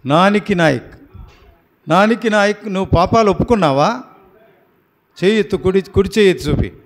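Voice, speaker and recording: A pastor from Andhra Pradesh in a prayer house, firmly and coaxingly questioning baptism candidates one by one. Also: male voice, high-pitched, normal speed.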